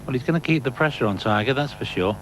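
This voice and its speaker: A man's voice: mid-range voice, expressive, fast talker. A man giving live golf commentary as a broadcast commentator. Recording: noisy outdoor broadcast ambience. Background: outdoor course ambience.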